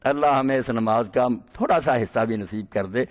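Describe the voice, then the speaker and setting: A man delivering a sermon, telling stories and swinging between quiet passages and emphatic peaks. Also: medium pitch. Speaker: preacher. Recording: long hall reverb.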